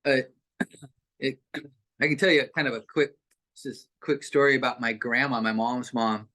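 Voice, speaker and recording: A man's voice: medium pitch, steady tone, normal speed, bright, forceful tone. A man casually telling a childhood story on a video call, rambling, with many fillers and restarts. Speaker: group participant.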